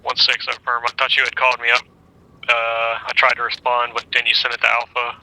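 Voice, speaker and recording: Man on crackly radio, sharp flat voice. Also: medium pitch, a little fast. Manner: clipped radio calls, casual slips in between. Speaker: team leader on squad radio. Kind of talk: military radio procedure in a game.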